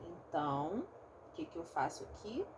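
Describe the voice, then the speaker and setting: In this recorded online lesson, a woman speaking Rio de Janeiro Portuguese teaches phonetics, walking through each step and frequently checking on her students. She sounds animated, with a fairly low pitch and normal pace, against a noisy background.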